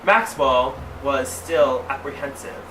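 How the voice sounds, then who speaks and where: A man with a sassy drag queen delivery, reading fan fiction aloud comedically, with theatrical drawn-out emphasis and mock-scandalized asides. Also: mid-range voice. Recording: roomy, distant mic, clearly noisy background.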